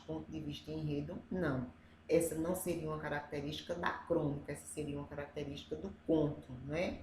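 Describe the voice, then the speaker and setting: A woman teacher with a Brazilian Portuguese accent, going through review exercises step by step and often checking in with "né?". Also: low voice. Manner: explains step by step, often adds "né?". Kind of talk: reviewing exercises for adult students. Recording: echoey room, faint ambient noise.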